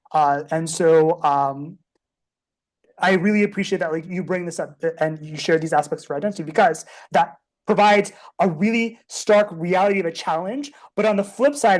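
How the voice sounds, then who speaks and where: This young Indian American woman from the United States hosts a podcast, speaking in a somewhat low, slightly mellow voice. She asks questions and reflects thoughtfully, with frequent fillers.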